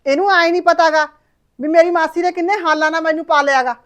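A woman with a Punjabi accent playing a sharp-tongued village mother-in-law who scolds fast and loud. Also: high voice, natural voice. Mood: scolding. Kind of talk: village family drama acting.

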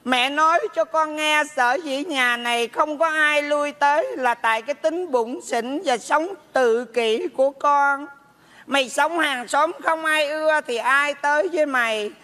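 An actor in a stage comedy sketch, putting on the voice of a scolding old mother's ghost in a Southern Vietnamese accent, with a slow, drawn-out delivery. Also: very high voice, pushed and bright, exaggerated voice.

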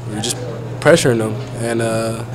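A young man in a postgame press scrum, answering reporters in a subdued, halting way with lots of fillers, recorded on phones held close. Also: lowish voice, fairly even intonation. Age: young adult. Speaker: college basketball player. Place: crowded arena interview area, curtained backdrop. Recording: crowd noise behind the voice. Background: crowd chatter.

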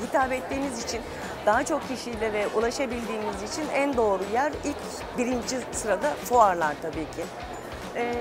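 A woman company representative speaking upbeat at a trade fair. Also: on the high side.

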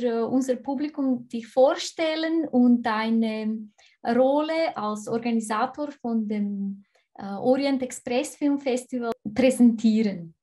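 A woman's voice: on the high side, dark tone. A woman in her forties interviewing a guest over a video call, hesitating often with fillers. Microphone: webcam on a video call.

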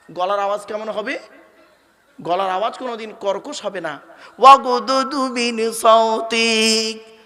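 A male preacher giving a waz sermon to a gathering, often repeating his phrases and asking the crowd if he is right, and slowly drawing out the Quranic verses he chants. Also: sits high, fairly bright tone. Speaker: Islamic preacher.

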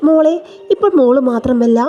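A woman voicing a gentle elderly grandfather who speaks in a soothing, reassuring way. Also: high-pitched, a little fast, lo-fi sound, natural voice.

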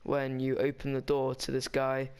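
A man talks through a game walkthrough in a loose, rambling way, stopping and restarting as he goes. His voice is smooth and clear. His pitch stays flat and even throughout. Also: normal speed. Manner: rambling, chatty, with frequent restarts. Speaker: gaming guide maker. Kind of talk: casual game walkthrough voice-over.

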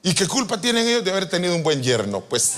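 A man preaching a sermon to pastors, animated and joking with the congregation, swinging from loud to soft. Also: high-pitched, fast talker, a little hiss or hum. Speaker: apostle preaching. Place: church retreat hall.

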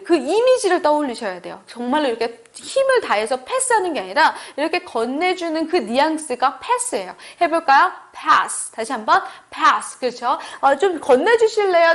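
A high-pitched woman leads a beginner English lesson. She says each model phrase very slowly and clearly, then switches to brisk explanation. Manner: slow drilled English model phrases between quick Korean explanations. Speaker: English teacher.

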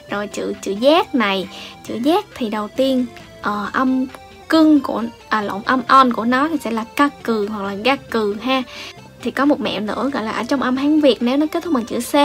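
A Vietnamese woman with a slightly high voice explains Japanese exam answers in a patient, teacherly way. She often pauses on fillers and ends her points with a soft question tag. Faint background music plays beneath her voice. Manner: patient, explanatory, many fillers and rising "ha" tags.

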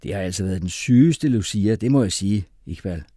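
A man voicing a relaxed teenage boy in an audiobook. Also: lowish voice, no room sound, clean studio sound. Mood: casual.

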